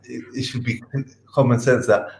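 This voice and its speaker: A man, a panel guest explaining casually in a polite, halting way. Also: medium pitch, fairly even intonation, gravelly, very noisy.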